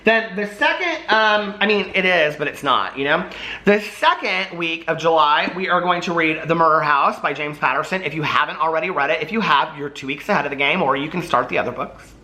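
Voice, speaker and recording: A book vlogger hosting a readalong chats casually to camera, gushy and playfully dramatic, often rambling off into asides. His voice is fairly high and sharp-toned and he talks briskly, with slight background noise.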